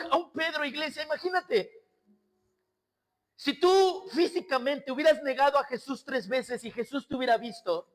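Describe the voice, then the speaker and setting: A male pastor preaching a sermon, swinging between loud exclamations and quiet asides and acting out the scenes he tells. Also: very high-pitched. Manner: acts out quoted voices and scenes.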